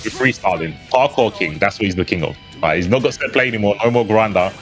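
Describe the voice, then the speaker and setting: A man's voice: fairly low pitch, fast, faint music behind. A man co-commentating a live fighting game with playful, joking banter. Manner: playful banter, loose and laughing. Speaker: esports co-commentator.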